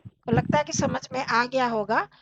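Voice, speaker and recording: Teacher, female, high voice with a gravelly edge, unhurried and patient, over dull lo-fi call audio. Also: noisy background. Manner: patient, explains step by step and recites sounds slowly for students to repeat. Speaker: Sanskrit teacher. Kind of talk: online class teaching. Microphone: online call audio.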